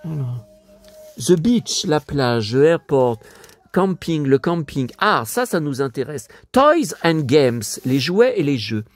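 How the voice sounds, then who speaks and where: A man's voice: a little high, expressive, takes it slowly. An older man from France chatting casually as a vlogger, musing aloud as he reads English words in a French way. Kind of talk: casual chat while leafing through a book.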